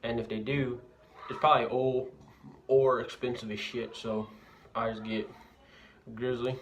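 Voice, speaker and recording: Here a young adult from Louisiana, United States, talks casually through a product review indoors in a home bathroom, his lip full of dip. He sounds medium-pitched, level and unhurried, and the audio is dull, coming from a noisy amateur recording with clicks.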